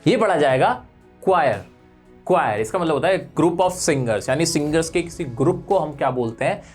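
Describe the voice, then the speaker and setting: A woman with a low voice teaches English pronunciation. She quizzes the listener on each word and corrects them with a teasing "no, no, no". Faint music plays underneath. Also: lively intonation, moderate pace, darkish tone, husky. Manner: quizzing the viewer, then correcting with repeated "no, no, no". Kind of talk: pronunciation lesson.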